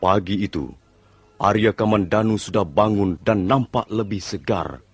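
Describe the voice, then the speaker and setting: A man's voice: on the low side, unhurried, husky, dry recording. A man reading scripted credits and story narration in the manner of an old radio serial announcer. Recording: music behind the voice. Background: music.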